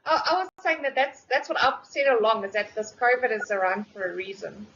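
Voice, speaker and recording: Bright, high-voiced woman from England. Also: animated, brisk. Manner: brief agreeing replies, reads listener comments. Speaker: podcast co-host. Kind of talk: casual chat. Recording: dull lo-fi sound with faint noise.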